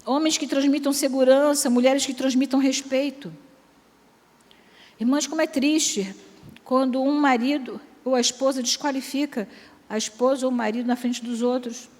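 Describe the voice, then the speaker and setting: A woman's voice: high-pitched, steady tone, moderate pace, darkish tone. A woman preaching at a family conference in a church, mixing teaching with jokes and acted-out quotes. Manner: humorous, acts out quoted voices. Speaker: church speaker. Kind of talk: sermon with jokes. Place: large church hall. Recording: church hall reverb.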